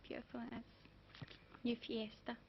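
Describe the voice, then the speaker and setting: A woman of twenty answers an interviewer briefly and informally. Her voice is fairly high with a lot of creak. The recording is a dull, slightly noisy old TV broadcast. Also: completely flat delivery, normal speed. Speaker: interviewed supporter.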